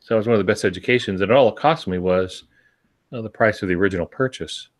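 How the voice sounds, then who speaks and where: This older man talks fast in a voice on the low side, giving casual writing advice on a podcast he co-hosts as a novelist. He's folksy, wry, and quick to make fun of himself.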